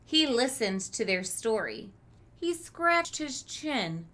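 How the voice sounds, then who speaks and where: Female schoolteacher for children's read-aloud; crisp bright tone, unrushed pace, expressive narration with chatty explanations. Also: on the high side, slow. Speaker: elementary school teacher.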